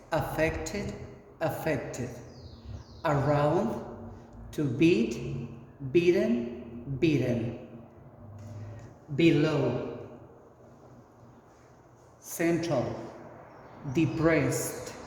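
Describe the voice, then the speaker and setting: A male English teacher drills new vocabulary slowly, one word at a time. His voice sits a little high. The recording is roomy and distant, with a long echo trailing each word. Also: a little mellow, a little hiss or hum. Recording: echoey room from far off.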